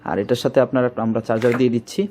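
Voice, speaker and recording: A Bangladeshi-accented man acting as a shop presenter runs through a casual product demo, repeating himself and groping for words with filler placeholders. His medium-pitched voice is warm and level, and he talks at a rapid-fire clip. Faint background noise sits under the recording.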